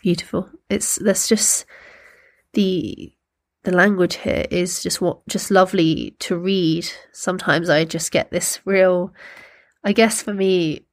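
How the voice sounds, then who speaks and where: A woman with a slightly low voice speaks very slowly and gently, as a poetry workshop host. Her delivery is reflective and thoughtful, with room left around the words. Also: steady tone. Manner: gentle, unhurried, thoughtful, pausing to find words. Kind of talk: reflective talk with slow poetry readings.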